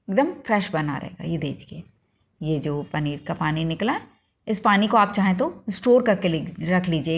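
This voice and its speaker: A woman hosting a home cooking demonstration, explaining each step to viewers in a homely, instructive way. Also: on the low side. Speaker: cooking channel host.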